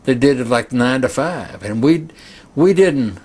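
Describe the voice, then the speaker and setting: A man's voice: medium pitch, animated, unhurried, darkish tone, slightly rough. An older man interviewed for a documentary, reminiscing in a casual, wry way.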